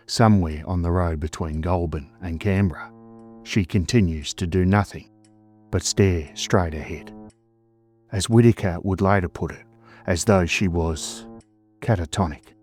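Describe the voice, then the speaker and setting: Very deep-voiced Australian man telling a story. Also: a little mellow. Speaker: podcast host and storyteller. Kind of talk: scripted true-mystery narration.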